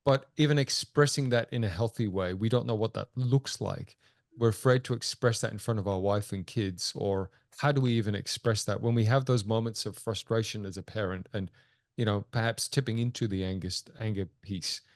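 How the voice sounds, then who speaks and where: Man, podcast co-host, father, earnest, reflective, low voice, dry close sound. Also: dry recording. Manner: earnest, thoughtful, with pauses and restarts. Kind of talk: reflective interview talk.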